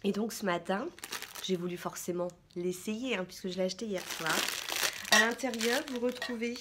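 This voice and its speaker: A woman's voice: medium pitch, normal speed, heavy background noise. A woman vlogger chatting casually through a shopping haul, rambling with many fillers and restarts. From France.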